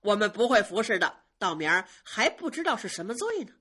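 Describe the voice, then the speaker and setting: A woman storyteller voicing a proud, sharp-tongued young maidservant who answers back with sneering, biting retorts. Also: mid-range voice, very animated, fairly quick, slightly rough. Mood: scornful. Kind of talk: traditional storytelling.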